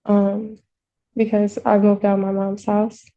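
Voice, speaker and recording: A woman's voice: medium pitch, completely flat delivery, measured pace, phone-quality sound. A woman in her twenties, a defendant in court, giving short, hesitant answers, heard through a courtroom recording. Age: 20s.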